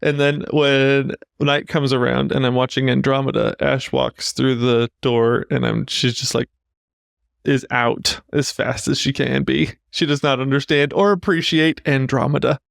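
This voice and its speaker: A man's voice: mid-range voice, flat delivery, unhurried, gravelly, clear, resonant tone, dry recording, clean studio sound. A man co-hosting a podcast, chatting in a playful, rambling way and laughing often. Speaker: podcast co-host. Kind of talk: casual podcast chat.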